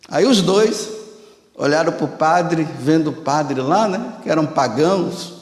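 A man telling a sermon story in a slow, drawn-out way, in a large hall. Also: medium pitch, darkish tone. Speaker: preacher. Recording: echoey hall with long reverb.

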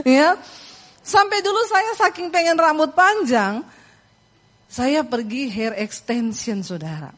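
A middle-aged woman from Indonesia preaching a sermon, telling a story with laughter and acting out voices. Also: medium pitch.

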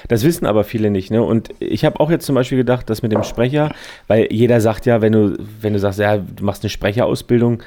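A man's voice: fairly low pitch, brisk, mellow, a little hiss or hum. A man talking as a podcast guest about his speaker training, rambling with many fillers. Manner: rambling, many fillers, laughs while reading aloud. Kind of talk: casual chat.

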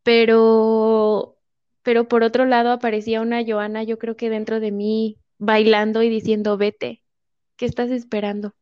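A young woman with a Mexican accent tells her story with energy and acts out the voices of the people in it. Her voice sits a little high and sounds dry and close, with muffled, lo-fi audio. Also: moderate pace, smooth, dry recording. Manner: lively storyteller acting out quotes. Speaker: guest. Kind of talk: casual interview chat.

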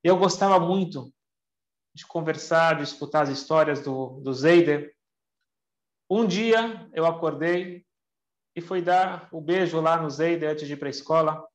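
A man's voice: fairly high pitch, unhurried, lightly acted. A man voicing a tearful young man who earnestly retells memories of his grandfather in the first person. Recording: echoey room, dull lo-fi sound.

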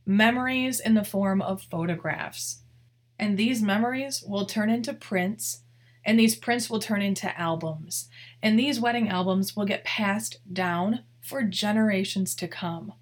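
Earnest, breathy woman podcast host. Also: mid-range voice, unhurried. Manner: heartfelt, earnest, addresses listeners directly. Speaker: podcast host, wedding photographer. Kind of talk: solo podcast monologue.

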